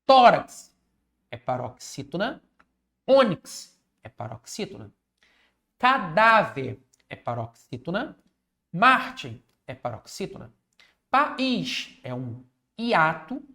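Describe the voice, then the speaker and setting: A man's voice: a little high, very animated, slow, sharp tone. A man teaching an online exam-prep class, repeating key rules, checking in often with viewers and joking with them. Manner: repetitive teaching with frequent check-ins; jokey, chats with viewers.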